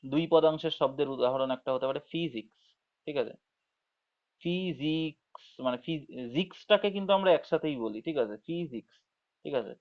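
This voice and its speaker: A man teaching an online class to school students, explaining slowly, checking in with frequent tag questions and drawing words out syllable by syllable, on dull lo-fi audio. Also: mid-range voice. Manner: drawls words out syllable by syllable when demonstrating.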